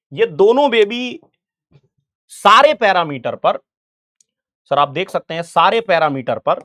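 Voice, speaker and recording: A young man teaches biology in an online exam-prep lecture. His voice sits slightly high for a man. He talks in a chatty, informal way and keeps checking in with his students. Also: fairly bright tone. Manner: chatty, keeps asking "right, sir?" to students.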